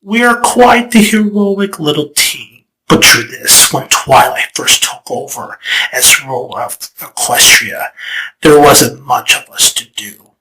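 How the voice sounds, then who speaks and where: A man's voice: fairly high pitch, slow pace, pushed and bright, rough recording. A man voicing Discord, a grandiose, theatrical lord of chaos telling a showy story in a comic fan dub. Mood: nostalgic. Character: grandiose old male draconequus lord of chaos. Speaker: fan voice actor.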